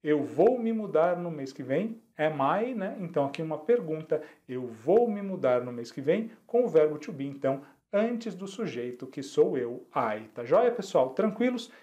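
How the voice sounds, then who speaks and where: Brazilian guy teaching english online, kinda high voice but soft and mellow, keeps asking if everyone's following. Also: very animated. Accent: Brazilian Portuguese. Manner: patient, repeats each example slowly; checks in with the class often.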